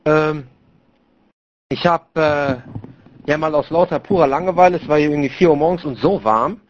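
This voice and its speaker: A man's voice: on the high side, normal speed, slight background noise. A young man casually telling a crude story to other gamers over voice chat, rambling with many fillers and restarts. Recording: muffled lo-fi voice chat.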